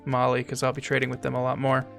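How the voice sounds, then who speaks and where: A man streaming a strategy game, chatting casually, thinking aloud, talking to his chat, and sometimes reading game text aloud slowly. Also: mid-range voice, monotone, gravelly, fairly bright tone, faint music behind. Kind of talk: casual gameplay commentary.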